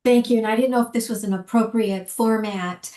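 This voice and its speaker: A woman's voice: on the high side, fairly even intonation, brisk, warm tone, echoey room. A woman calling in to a video call, asking a question in a rambling, hesitant way with many ums.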